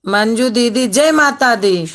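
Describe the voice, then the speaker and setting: A woman's voice: fairly high pitch, animated, slow pace, fairly bright tone. A woman hosting a casual live stream on her phone, greeting viewers by name and laughing often. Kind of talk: casual live-stream chat reading comments.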